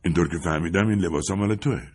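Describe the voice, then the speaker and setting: A man's voice: low-pitched, expressive, slightly rough, heavily acted. A man voicing a smug, mocking male neighbor who taunts with a sneer in a story reading. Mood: taunting. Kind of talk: audiobook character voice.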